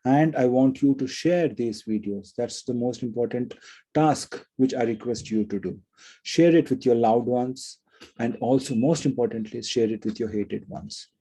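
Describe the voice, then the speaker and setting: A man's voice: medium pitch, moderate pace, mellow, breathy edge, poor audio. A man giving an earnest spiritual talk and telling a moral story, repeating words for emphasis. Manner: earnest, repetitive emphasis, frequent restarts. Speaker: spiritual speaker.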